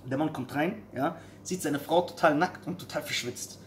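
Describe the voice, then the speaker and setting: A comedian telling a joke in a casual, animated way, tossing in a questioning "ja?" again and again. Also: male voice, fairly high pitch, moderate pace, a little hiss or hum. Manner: animated, filler-heavy ("ja?").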